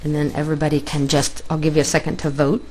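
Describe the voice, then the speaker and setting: Low-voiced woman teaching dog behavior. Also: little pitch movement, fast talker, darkish tone, slight background noise. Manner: explanatory, plainspoken, pointing at pictures. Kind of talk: online lecture with slides.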